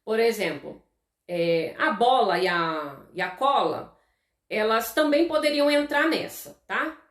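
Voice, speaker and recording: Her voice a little high and her intonation lively, a Brazilian woman runs a live online lesson in a reverberant space. Speaking with a Brazilian Portuguese accent, she explains things slowly, talks with her audience, and keeps asking "tá?" to make sure they follow.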